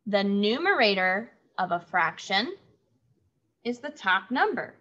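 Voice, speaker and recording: A woman teaching third graders in an online lesson, speaking slowly and clearly and repeating key words for the children. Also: mid-range voice, sing-song, bright, forceful tone. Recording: dull lo-fi audio.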